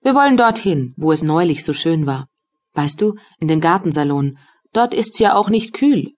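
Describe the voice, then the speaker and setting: A woman voicing a tender, anxious young woman in an audiobook, speaking gently and caringly to her partner. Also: low voice, animated, moderate pace. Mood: coaxing. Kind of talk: audiobook dialogue reading.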